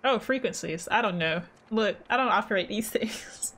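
A woman's voice: medium pitch, normal speed, fairly bright tone, slight background noise. A woman doing casual, playful and chatty commentary as she plays a game. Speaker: gamer, let's player.

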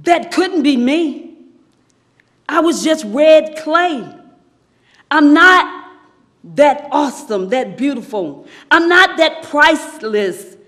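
Brief: woman playing an anguished talking teacup, high and pleading. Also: lively intonation, slow pace, long pauses, a bit bright, full character voice. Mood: astonished. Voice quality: high, strained pleading cries. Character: suffering clay teacup, pleading and crying out.

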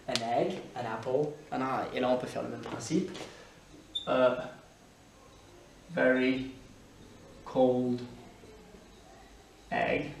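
A man, teaching English grammar to learners in a relaxed way. He repeats the example words slowly and thinks aloud with fillers. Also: mid-range voice, creaky, roomy sound, noisy background.

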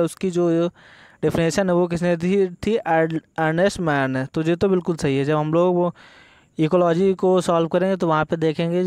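A man teaching a biology exam-prep lesson. He works through multiple-choice questions step by step, asking and answering his own questions, and reads the English questions aloud slowly. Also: on the high side, a little mellow, clean tone, dry recording.

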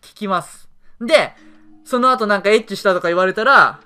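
A man's voice: high-pitched, moderate pace, clean tone, soft background music. A man commenting on a dating game as he plays, reading its lines aloud and reacting. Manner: animated, reads dialogue aloud and reacts. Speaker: game streamer. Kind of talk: let's play commentary.

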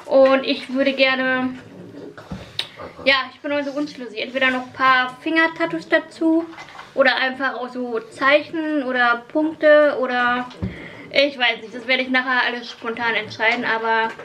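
A woman's voice: sits high, steady tone, normal speed, a bit bright. A woman in her thirties chatting casually to the camera as a vlogger in her home kitchen. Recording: noisy home camera recording.

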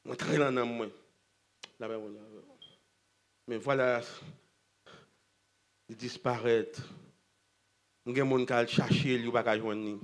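A man preaching a sermon at a church convention, swinging between shouting and hushed storytelling. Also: medium pitch, fairly even intonation, measured pace, pauses often.

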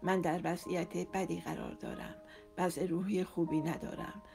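A woman reading as a hushed pleading mother. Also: lowish voice, wildly swooping pitch, creaky, music in the background, exaggerated voice. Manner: soft, hushed and imploring. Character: worried, pleading middle-aged mother.

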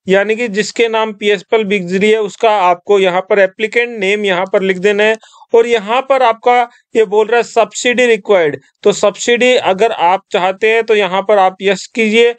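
In a screen-recorded tutorial, a man from Rajasthan walks viewers step by step through an online form, addressing them as friends. His voice is high-pitched, clear and resonant, with no room sound at all.

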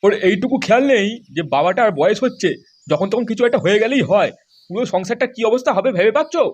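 Cartoon dad, a man doing him, grumpy, swearing, high, fast. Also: expressive. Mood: sarcastic. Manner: cursing, complaining. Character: grumpy aging father, foul-mouthed. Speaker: cartoon character. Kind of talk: comic cartoon voice acting.

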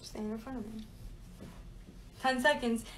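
A young woman with a high voice and an unhurried pace, giggly and teasing. She talks casually and playfully, as in a social media challenge clip, with slight noise behind her. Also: steady tone, low-quality recording.

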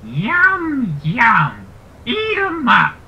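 Goofy, swooping talking pumpkin. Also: male voice, very high voice, huge pitch swings, drawn-out words, vocal fry, bright, forceful tone, heavily acted. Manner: talking pumpkin character, bumbling. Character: goofy, dim-witted male talking pumpkin toy.

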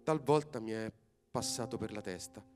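An eager, inventive ape-man father who explains things calmly and indulgently, voiced by a male reader. The voice sits somewhat high, with music clearly audible behind the live storybook reading. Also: moderate pace.

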